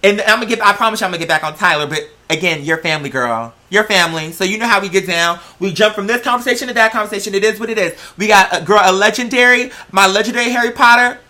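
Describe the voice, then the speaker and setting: An androgynous-sounding American vlog host chats and gossips in a slangy, sassy way, leaning hard on drawn-out stressed words. The voice is medium-pitched, bright, and forceful.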